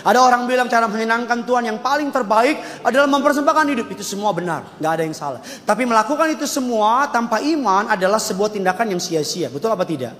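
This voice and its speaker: A man preaching a lively sermon in church, joking and calling on the congregation to answer back. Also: very high-pitched, quick pace, hardly any pauses. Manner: animated, joking storytelling preacher. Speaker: pastor. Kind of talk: lively sermon with call and response. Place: church service. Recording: long hall reverb, faint music behind.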